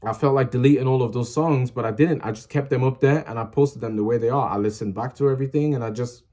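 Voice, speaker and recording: A young man behind a small music channel talks fast in a mellow, mid-range voice, delivering casual motivation to his viewers. He rambles, filling gaps and restarting phrases, all while earnestly urging them to post what they love.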